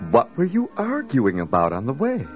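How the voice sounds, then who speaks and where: An actor playing a calm, authoritative master teaching gently in a Bible audio drama. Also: male voice, medium pitch, moderate pace, over music. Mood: questioning.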